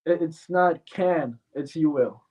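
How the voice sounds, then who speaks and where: A man's voice: a little high, takes it slowly, a little mellow. A man born in Mexico, a fighter answering interview questions bluntly and confidently, with frequent fillers. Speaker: MMA fighter guest. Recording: tinny phone-like sound from far off.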